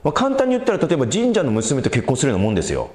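A man preaching a sermon as a pastor, in an animated, conversational way with big swings in pitch. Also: rapid-fire, echoey room.

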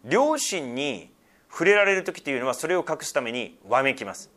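A man's voice: mid-range voice, very animated, moderate pace, a bit bright. A middle-aged male pastor giving a sermon, explaining scripture with frequent asides and a conversational, teaching tone.

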